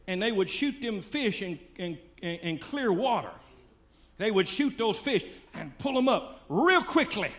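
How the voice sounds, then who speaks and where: A man's voice: high voice, big pitch swings, measured pace, fairly bright tone. An older man preaching a sermon in a fervent, folksy way.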